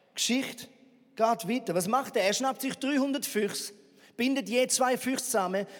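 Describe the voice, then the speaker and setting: High-voiced preacher, sarcastic. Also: male voice. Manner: animated, sarcastic retelling with rhetorical questions. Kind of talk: sermon storytelling. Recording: reverberant hall.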